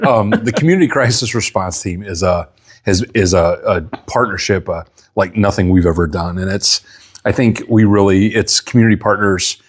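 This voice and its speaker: A middle-aged man giving earnest, measured explanations as a guest in a casual interview. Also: on the low side. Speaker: police chief, interview guest.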